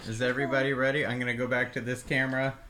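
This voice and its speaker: A man's voice: medium pitch, little pitch movement, very fast, bright, forceful tone, a little hiss or hum. A middle-aged man hosting a casual snack-tasting video with his kids, chatty and upbeat, laughing often and coaxing them along.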